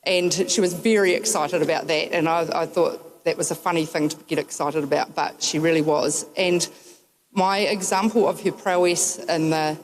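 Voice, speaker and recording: Speaking at a memorial, a woman with a New Zealand accent tells wry, humorous anecdotes and says "um" often. Her voice is low and steady, and she talks at a normal speed.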